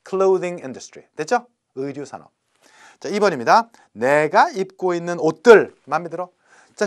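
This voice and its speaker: A middle-aged man gives an English vocabulary lecture with a lively, swinging pitch. He is chatty and playful, and he stretches each English word out slowly. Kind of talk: recorded classroom lecture.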